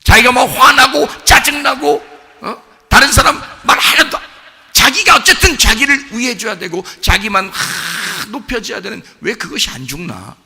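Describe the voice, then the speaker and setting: A male pastor preaching with a gravelly, raspy edge and a bright, forceful tone. His delivery drops to hushed lines and climbs to shouting as he fires rhetorical questions at the congregation. The sound carries a long hall reverb. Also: very high voice, expressive, moderate pace. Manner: impassioned, swings from hushed to shouting. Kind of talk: sermon. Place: church sanctuary.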